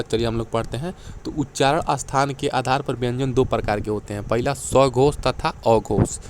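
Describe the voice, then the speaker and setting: Brisk male teacher giving an exam-prep lecture. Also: medium pitch, slight background noise. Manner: brisk, repeats "ठीक है" and "देखिए", recites letter lists.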